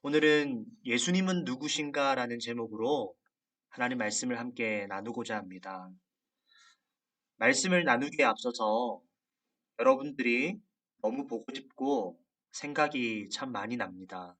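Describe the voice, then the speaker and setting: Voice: mid-range voice, moderate pace, a bit bright. A preacher giving a sermon to a church youth group, telling the story dramatically and raising the voice for quoted lines. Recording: distant from the mic.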